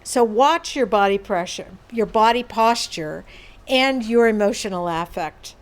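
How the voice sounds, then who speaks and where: A woman's voice: fairly high pitch, expressive, measured pace. A woman presenting a workshop to an audience, explaining patiently with everyday examples and asides. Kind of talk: educational talk on behaviour management.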